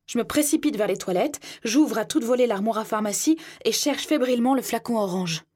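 Husky-voiced woman narrating an audiobook. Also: fairly high pitch, expressive, a little fast, darkish tone. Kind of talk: first-person audiobook narration.

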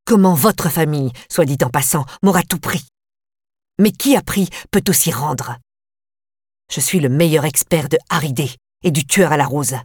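A woman's voice: deep voice, a little mellow, slightly rough, no room sound, clean studio sound. A woman voicing Charlie, a scheming, menacing male killer who talks in a sneering, cold way. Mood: gloating.

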